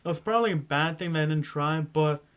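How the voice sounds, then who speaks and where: A teenage boy rambling through casual school advice in a vlog, clearing his throat often and stumbling over his words. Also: fairly high pitch, fast talker. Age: teens. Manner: rambling, stumbling, self-interrupting. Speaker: vlogger.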